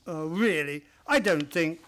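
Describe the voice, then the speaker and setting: An actor playing a genial old-school gentleman doctor in a radio play, hearty, exclamatory and old-fashioned. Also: on the high side, lively intonation, slow, a little hiss or hum. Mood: amused, genial.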